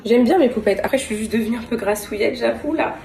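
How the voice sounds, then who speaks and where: A woman's voice: fairly high pitch, fast talker, gravelly, warm tone. Chatty woman vlogging from a distance. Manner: chatty, addresses viewers as girls. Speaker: vlogger and mother. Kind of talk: casual vlog chat. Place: home kitchen, indoors. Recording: echoey, noisy room, voice far from mic.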